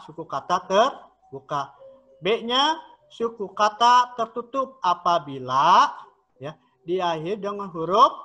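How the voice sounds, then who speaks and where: Slow, bright-voiced male teacher. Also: high-pitched, dull audio. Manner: slow, drawn-out modelling of each syllable. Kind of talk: classroom lesson explanation.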